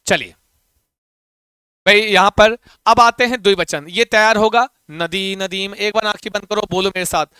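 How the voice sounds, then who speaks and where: A man's voice: high-pitched, steady tone, moderate pace, bright, forceful tone, smooth, dry recording. A male teacher running a live exam-prep class, chanting grammar forms. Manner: rhythmic rote chanting with repeated reassurance to students.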